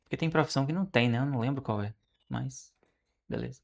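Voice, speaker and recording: Man, native portuguese speaker, gravelly voice, casual self-study talk, slow careful repeats. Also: mid-range voice, heavy background noise. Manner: repeats French phrases slowly, self-correcting and musing. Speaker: language learner streaming his study. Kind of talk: casual study vlog, thinking aloud.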